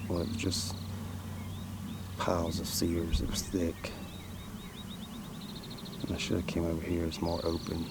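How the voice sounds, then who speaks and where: A man filming his own hunt outdoors, talking plainly and casually to the camera, a little out of breath. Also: creaky. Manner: plainspoken, low-key field talk, at times whispering. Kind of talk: casual outdoor vlog narration. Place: outdoors in hilly prairie woods. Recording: outdoor field recording with background noise.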